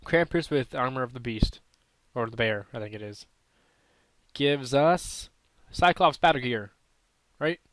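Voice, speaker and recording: A man's voice: medium pitch, lively intonation, a little slow, fairly bright tone, dry recording. A man with a throat irritation giving casual, unsure, self-correcting commentary while playing a mobile game. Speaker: gaming channel host.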